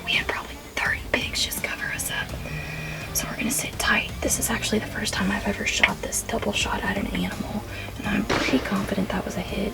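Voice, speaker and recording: Lady hunter whispering hushed and excited, gravelly, kinda far from the mic, music under it. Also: mid-range voice. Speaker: hunter filming her hunt. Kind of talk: whispered hunting commentary. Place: pop-up blind outdoors.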